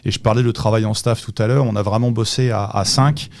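A low-pitched man talks through his work as an assistant basketball coach in a podcast interview. He explains things in a measured way and slips in some dry humor. His voice sounds close and dry, with no room around it. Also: steady tone, no echo.

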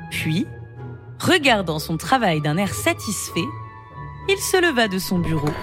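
A woman reading a children's story aloud in an expressive, lively way. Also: medium pitch. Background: music.

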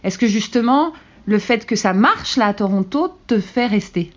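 A woman hosts a podcast interview, asking long, searching questions with the odd filler. Her voice sits at a medium pitch. The recording sounds slightly dull and muffled. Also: lively intonation, normal speed. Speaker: podcast host.

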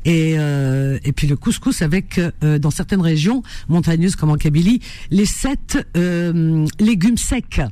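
On her radio classified-ads show, an Algerian host chats in a warm, animated way, full of fillers and repetitions. She speaks a little slowly in a deep voice, and the recording is dry.

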